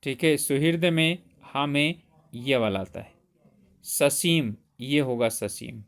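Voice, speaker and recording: A man's voice: mid-range voice, slow pace, fairly bright tone. A man teaching for an exam, who explains step by step and asks and answers his own questions. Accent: Hindi. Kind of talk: exam prep lecture.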